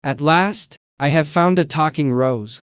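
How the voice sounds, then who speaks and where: A man's voice: a little high, unhurried, clean tone, dry recording, studio quality, lightly acted. A man voicing a poor, frightened father pleading for his life in a storybook tale. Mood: wondering.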